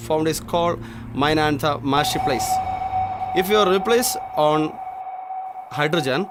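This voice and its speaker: A man's voice: fairly high pitch, over loud music. A man playing a scornful chemistry lecturer. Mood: lecturing. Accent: Malayali English. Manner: lectures in a rushed monotone, snaps scornfully at students. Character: impatient, contemptuous male chemistry lecturer. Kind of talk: short film acting.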